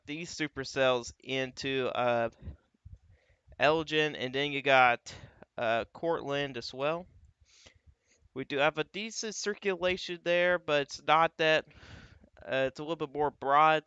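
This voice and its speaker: A man hosts a live weather stream, talking through radar images in a loose, conversational way. His voice is bright and clear, with a dry, close sound. The audio is a little dull, like a home livestream mic. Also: on the high side, a little slow, dry recording. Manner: casual, thinking aloud, frequent "uh" and "you got".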